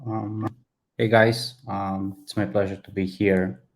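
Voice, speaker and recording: Flat-voiced Serbian-accented man. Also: lowish voice. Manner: halting, often repeats words and restarts. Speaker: software developer introducing himself. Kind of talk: online meeting self-introduction. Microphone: video call.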